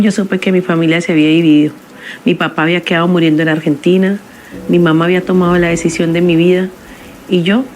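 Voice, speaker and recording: A woman telling a first-person story in a somber, measured confessional way. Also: on the low side, a little mellow.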